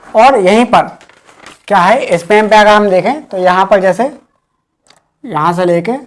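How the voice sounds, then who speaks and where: A woman teaching an exam-prep history class, repeating key points slowly and quizzing the listeners. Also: medium pitch.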